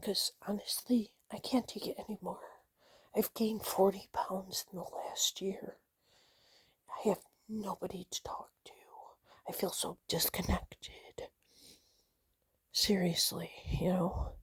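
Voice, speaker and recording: A woman whispering a personal vlog, nervous and shaky, halting with many fillers and restarts. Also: mid-range voice, steady tone, husky, dry recording. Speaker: vlogger.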